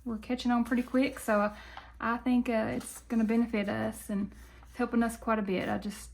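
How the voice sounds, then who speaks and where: A woman with a fairly high voice and a country Appalachian accent from Tennessee. She talks in a folksy, chatty way, like a video host casually addressing her viewers. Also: level tone, brisk, creaky, low-quality recording. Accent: country Appalachian Southern US, Tennessee. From Tennessee, southern US.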